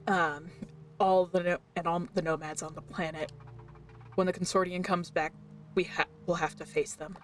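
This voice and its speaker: A woman's voice: fairly low pitch, level tone, normal speed, far from the mic, faint music behind, lightly acted. A woman reading the lines of a weary adult female witch engineer in a subdued, solemn way. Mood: resolute.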